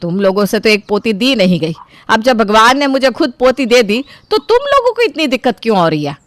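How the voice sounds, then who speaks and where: A woman's voice: a little high, sing-song, brisk, no room sound. A woman playing a doting but stubborn old grandmother in a storybook tale, with a commanding, scolding way of talking. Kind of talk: voiced storybook character.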